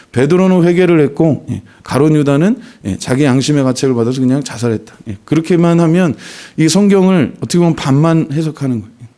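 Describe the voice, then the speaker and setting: A man's voice: a little high, warm tone. A male pastor giving a sermon in a conversational way, often dropping short affirming fillers between phrases. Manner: conversational preaching, frequent "예" fillers.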